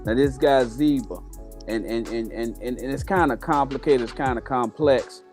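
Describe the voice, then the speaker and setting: A man hosts a Bible study discussion in a relaxed, conversational manner and speaks straight to his listeners. His pitch sits in the middle range, with faint music playing underneath. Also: moderate pace. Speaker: host of Bible study show.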